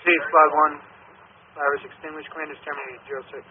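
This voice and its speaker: A man's voice: a little high, flat delivery, fast talker. A man working as a fire dispatcher, giving clipped, procedural firefighter radio dispatches. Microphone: two-way radio. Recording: tinny distant radio channel with static.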